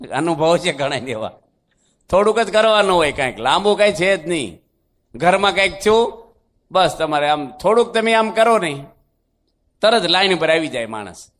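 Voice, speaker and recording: A man preaches a devotional sermon, his voice sitting a little higher than most men's. He tells homely stories in a chatty, folksy way and keeps asking his listeners questions. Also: animated, moderate pace, pauses often, a bit bright. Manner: folksy, conversational storytelling with rhetorical questions. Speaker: monk preacher.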